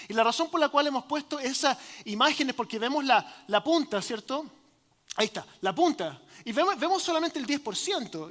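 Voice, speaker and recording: A male pastor preaches to his congregation, trading jokes with them and often pausing on fillers. His voice sits very high and sounds bright and sharp. It rings out with the long reverb of a church sanctuary. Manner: joking with the congregation; filler-heavy, hesitant delivery. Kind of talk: sermon.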